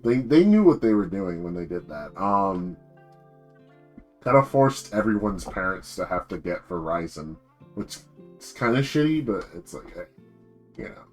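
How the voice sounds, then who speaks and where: A young man chatting casually on a livestream, rambling excitedly, laughing and swearing freely. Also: sits low, normal speed, soft background music. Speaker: streamer.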